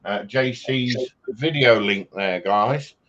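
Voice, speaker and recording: A man's voice: medium pitch, takes it slowly, fairly bright tone. A man hosting a livestream, casually reading out viewer comments and joking with chat. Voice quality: chatty and jokey, laughs often. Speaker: livestream host. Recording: slightly dull sound with faint background noise.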